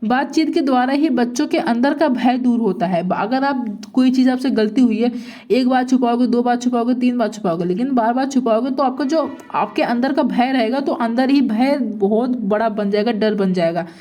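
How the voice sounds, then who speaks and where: Lady teacher, exam prep lecture, kinda high voice but mellow, keeps asking then answering herself. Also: moderate pace. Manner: asks rhetorical questions and answers them, repeating points.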